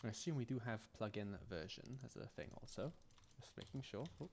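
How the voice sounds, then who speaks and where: A slightly hoarse man who is losing his voice, thinking aloud in a halting, self-muttering way as he works through scripts on a live stream. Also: on the low side, expressive, a little mellow, a little hiss or hum. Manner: halting, restarting, muttering to himself. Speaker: game modder live streaming.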